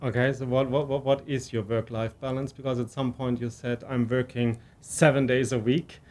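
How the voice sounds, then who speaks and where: A middle-aged man, a university president, hosts a conversational interview. His medium-pitched, darkish voice moves little in pitch and keeps a normal speed, and his questions are full of fillers and restarts.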